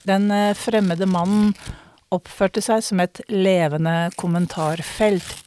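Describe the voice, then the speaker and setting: A middle-aged woman from Norway, a storyteller telling a personal episode and an old tale in a measured, reflective way. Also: medium pitch, fairly even intonation, mellow, slight background noise. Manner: measured, reflective, with drawn-out dramatic words. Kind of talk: spoken storytelling performance.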